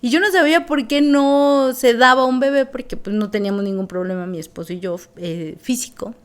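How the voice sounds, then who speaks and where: A woman's voice: a little high, brisk. A woman, a guest sharing a personal testimony in an earnest, reflective way, with many fillers.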